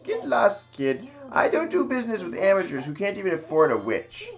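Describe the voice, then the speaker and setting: A man's voice: sits high, wildly swooping pitch, moderate pace, music in the background, pitched above the performer's own voice, heavily acted. A man voicing a scornful male trader who sells cave intel and despises outsiders, reading game dialogue aloud with a sneering tone. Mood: contemptuous.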